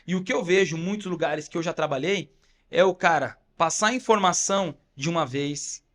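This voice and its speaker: A man with a slightly high voice and a Brazilian Portuguese accent walks through coaching advice point by point. He talks casually, often checking in with "né?". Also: fairly quick, fairly bright tone. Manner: explains step by step, frequent "né?" and "tá?". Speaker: podcast co-host, fitness coach. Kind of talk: casual instructive podcast talk.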